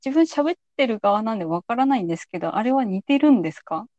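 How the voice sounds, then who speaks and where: A woman's voice: fairly high pitch, animated, quick pace, dark tone, dry recording, muffled recording. A woman hosting a podcast in a casual, conversational interview style. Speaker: podcast host.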